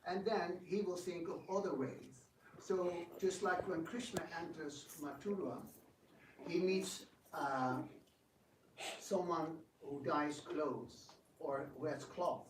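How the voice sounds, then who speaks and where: Speaking slowly in a slightly high voice, a man who directs drama and gives devotional talks fields questions from a group in a relaxed spiritual session. He tells stories with animation, acting out quotes and stumbling into repeated words as he searches for what comes next. He's some way from the mic, and the room is echoey with a little faint noise.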